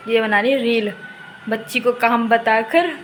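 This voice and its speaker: Chatty high-voiced young woman vlogger. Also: a little slow, fairly bright tone, soft background music, low-quality recording. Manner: chatty, laughs often, talks to viewers and to a cow. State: unwell, tired. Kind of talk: casual home vlog. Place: indoors and in yard of a home.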